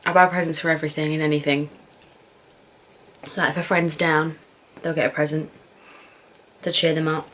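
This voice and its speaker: Low-pitched young British woman chatting casually. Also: level tone, fairly bright tone, slight background noise. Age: young adult. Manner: informal, frank, thinking aloud with pauses and swearing. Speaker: vlogger answering viewer questions. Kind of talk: casual chatty Q&A while eating.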